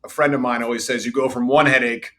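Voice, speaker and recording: A middle-aged man who works as a revenue executive tells confident career stories in a podcast interview. His medium-pitched voice is flat and quick, and he admits to having a loud voice.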